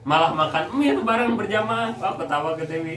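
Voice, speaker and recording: A young man preaches to a congregation about family life in Sundanese-accented Indonesian, his voice sitting high and moving at a quick pace. He's an Islamic preacher, animated and funny, telling personal stories. The recording picks him up from a distant mic in an echoey hall with background noise.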